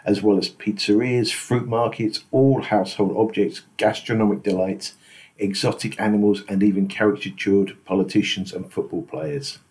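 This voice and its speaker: Measured low-voiced travel narrator, a man. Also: fairly even intonation, darkish tone. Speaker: travel vlogger. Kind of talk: scripted voice-over narration.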